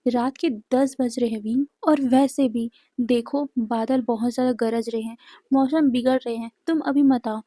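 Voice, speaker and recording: A woman reading a caring young man who talks softly and anxiously in a storybook fan tale. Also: fairly high pitch, fairly even intonation, normal speed, no room sound, natural voice. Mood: worried. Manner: soft, anxious.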